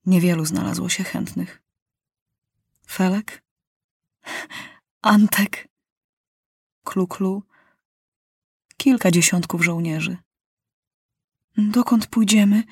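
A woman narrating an audiobook in a measured, dramatic way with long pauses. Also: fairly low pitch, steady tone, vocal fry, husky, no echo.

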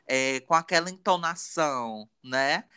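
A man chatting on a podcast, his voice bright and clear. He talks in a playful, lively way with a slightly high pitch. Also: a little slow. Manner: lively, playful, laughs often. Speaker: podcast co-host. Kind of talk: casual chat.

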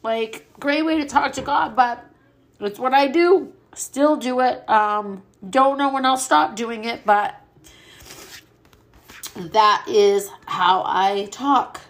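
Grieving mom talking straight into the mic, a bit high-pitched, blunt and mouthy, swears a lot, sometimes runs short of breath. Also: female voice, slow pace. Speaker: podcast host. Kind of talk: personal grief monologue.

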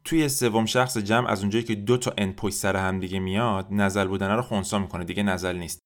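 A male teacher, a Persian speaker, explaining a lesson casually and drilling slow, deliberate repetitions of French words. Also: on the low side, steady tone. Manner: explains casually, quick asides.

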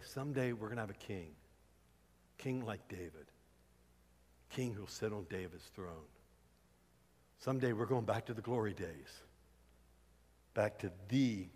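A man preaching a sermon as pastor, moving from soft, low passages to loud, pleading cries. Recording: long hall reverb.

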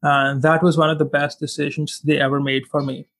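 A man in his twenties from India, whose first language is Hindi, is a guest in a relaxed, casual interview. Reflecting on his past, he often says "like" and "you know." His voice is on the high side and fairly quick.

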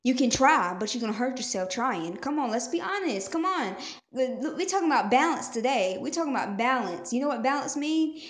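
A woman giving a motivational talk straight to her listeners, animated and full of rhetorical questions. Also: high-pitched, brisk, echoey room. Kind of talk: motivational direct-to-camera talk.

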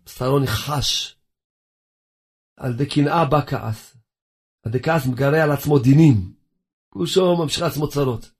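A man preaches with fervor in a husky, slightly breathy voice. He fires rhetorical questions at his listeners and drives each point home like a teacher lecturing his congregation. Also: mid-range voice, darkish tone. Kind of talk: sermon.

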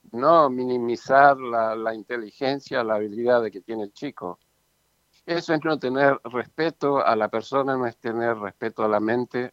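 A man talks through his points earnestly and leans on fillers and rhetorical tags. His voice is mid-pitched. The recording is dull, lo-fi and dry. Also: no room sound. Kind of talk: casual discussion. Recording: dull lo-fi sound.

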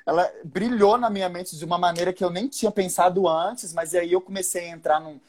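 A woman with a husky, somewhat low voice speaking in a casual podcast chat. She talks thoughtfully, pausing and restarting as she looks for the right words. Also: darkish tone.

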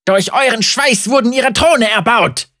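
A man voicing a young, ragged male heretic preacher who accuses and rails loudly at a crowd. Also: high-pitched, slow, gravelly, no echo, studio quality, pitched above the performer's own voice, heavily acted. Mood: fervent. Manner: impassioned, accusing, loud preaching. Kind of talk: audiobook character voice.

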